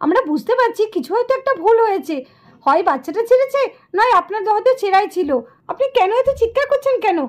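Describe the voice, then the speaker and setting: A woman's voice: very high voice, expressive, fast. A woman voicing an exasperated mother who scolds her two little daughters in a puppet show. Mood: placating.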